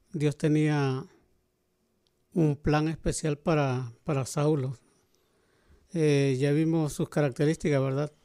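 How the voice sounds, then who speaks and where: Co-host, male, mellow and slightly high, conversational, hunts for words. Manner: frequent affirming interjections, searches for words mid-sentence. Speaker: radio Bible program co-host. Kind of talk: Bible discussion chat.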